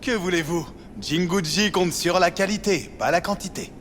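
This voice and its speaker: A man's voice: sits high, moderate pace, fairly bright tone, big-room sound, a little hiss or hum. A man playing an effete boutique salesman in a video game, gushing and genteel with affected grande dame airs.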